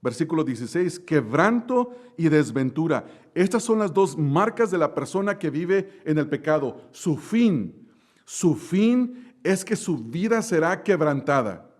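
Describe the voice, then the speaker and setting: A male pastor preaching a sermon, slowing down to stress key words, asking the congregation questions and telling a lively story with sudden loud bursts. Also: on the high side. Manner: preaching with slow drawn-out emphasis and direct questions to the congregation.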